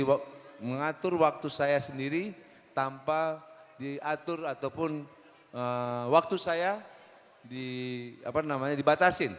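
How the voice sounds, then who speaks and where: Male guest, 40s, easygoing and joking, rambles, heard with hall reverb. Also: mid-range voice. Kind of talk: casual talk show conversation. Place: mosque hall.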